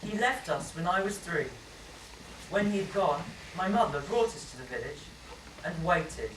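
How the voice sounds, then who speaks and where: An actress narrating as a grown man who recalls his boyhood, in a reflective, measured way. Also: lowish voice, lively intonation. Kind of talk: stage narration. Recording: distant echoey stage, loud hiss.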